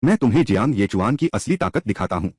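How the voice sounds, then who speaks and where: A man's voice: lowish voice, sing-song, fast talker, darkish tone, husky, no room sound. A man reading all the parts of a dubbed drama in one voice, switching between scornful taunts and pleading.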